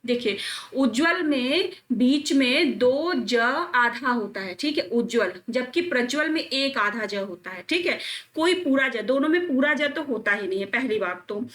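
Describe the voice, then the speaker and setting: A young woman teacher with a slightly raised voice runs an exam-prep spelling lesson. She calls out each word, then repeats it slowly several times. She coaxes her students along as she goes. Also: high-pitched, expressive, a bit bright. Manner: drills words by repeating them slowly; calls students friends and children, coaxing.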